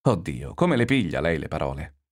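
A man reading aloud gives voice to a stocky, much-mocked little clerk, pleading and aggrieved on the edge of tears. The voice stays deep and low, the reader's own. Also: big pitch swings, normal speed, full character voice. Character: mocked, tearful short male clerk.

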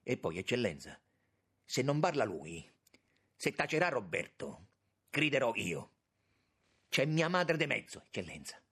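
A man reading an audiobook, voicing an agitated young man who pleads in loud, high outbursts. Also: big pitch swings, unhurried, long pauses, slightly rough, heavily acted. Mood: indignant.

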